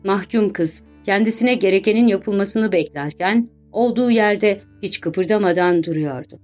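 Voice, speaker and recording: Woman narrating a classic novel. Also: mid-range voice. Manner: measured, expressive reading with dramatic pauses. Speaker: audiobook narrator. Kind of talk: scripted literary narration. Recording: dull lo-fi audio with faint background music.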